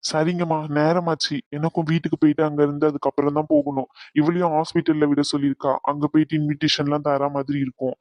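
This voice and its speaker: A polite, respectful young man from a cartoon, voiced by a man, explaining things to his elders. He talks fast in a slightly high voice, on a dull, lo-fi recording. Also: flat delivery, no room sound, lightly acted. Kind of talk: cartoon voice acting.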